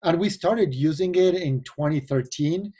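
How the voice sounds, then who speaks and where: A man in his forties from Argentina, speaking with an Argentine Spanish accent, joins a remote video interview as a venture capital investor guest. His voice is a little high, mellow, and slightly breathy, and he speaks a little slowly while explaining things earnestly.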